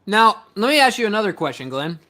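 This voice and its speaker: High, bright-voiced man, excitable sports talk. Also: quick pace. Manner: excitable, questioning, playful. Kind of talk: casual draft-night chat.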